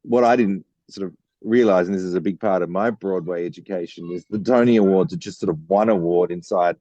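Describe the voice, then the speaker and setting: A man with a very low, mellow bass-baritone voice tells stories in an easygoing interview, full of fillers and restarts. The sound is dry and a little dull, like a lo-fi recording. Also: fairly quick, no room sound. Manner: chatty, storytelling with many fillers. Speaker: guest songwriter. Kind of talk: casual interview chat.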